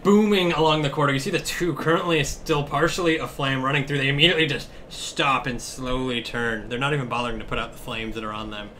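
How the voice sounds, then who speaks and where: A man narrates a tabletop game as its game master, his voice bright and forceful. He talks loosely and swears casually, often breaking into laughter. Faint room ambience sits behind him. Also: medium pitch, steady tone, fast talker, hardly any pauses, slight background noise.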